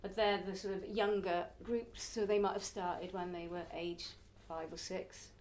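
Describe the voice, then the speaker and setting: In her early forties, this woman performs in the circus and teaches it to young people, and here she answers interview questions in a chatty, reflective way, laughing now and then. Her mid-range voice is steady, a little slow and darkish, with slight background noise.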